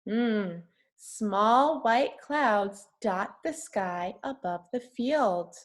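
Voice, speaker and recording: Reading a picture book aloud to young children, a woman speaks very slowly in an animated, medium-pitched voice. She keeps her words simple and encouraging and often asks the kids questions.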